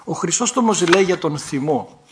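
Lively Greek Orthodox priest preaching. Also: male voice, a little hiss or hum. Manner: lively, animated preaching with sudden rises in pitch and humorous asides. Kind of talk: sermon.

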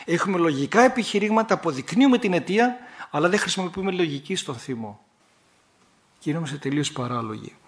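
Lively Greek Orthodox priest preaching. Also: male voice. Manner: lively, animated preaching with sudden rises in pitch and humorous asides. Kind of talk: sermon.

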